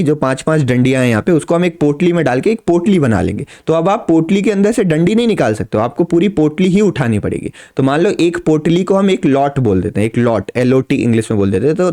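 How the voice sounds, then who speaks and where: A man's voice: on the high side, a little mellow. A man teaching beginners, explaining patiently and repeating his points with simple everyday examples. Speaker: trading teacher. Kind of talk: explanatory lesson to camera.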